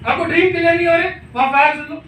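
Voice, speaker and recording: A man's voice: extremely high pitch, fairly even intonation, racing, fairly bright tone. A middle-aged man giving an emphatic motivational talk to a business team in a meeting room, repeating points and asking rhetorical questions. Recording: echoey room, mic far off, faint noise.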